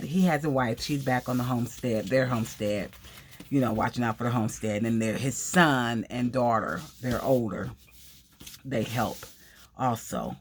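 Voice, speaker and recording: A woman's voice: a bass voice, a little hiss or hum. Older woman, casual craft vlogger, chatty and rambling, talks to camera like a friend. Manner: rambling, chatty storytelling aside to viewers. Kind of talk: casual chat while crafting.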